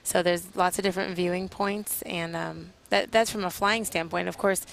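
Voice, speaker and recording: A woman's voice: lowish voice, steady tone, moderate pace, vocal fry, fairly bright tone, slight background noise. A woman from a military flight team giving live air show commentary as an interview guest, explaining things informally.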